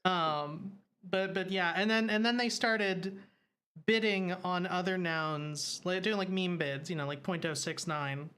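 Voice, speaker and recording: A co-host on a casual livestream chat, talkative and quick to add corrections, with lots of fillers. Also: medium pitch, fairly bright tone, clean tone. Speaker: co-host and show editor.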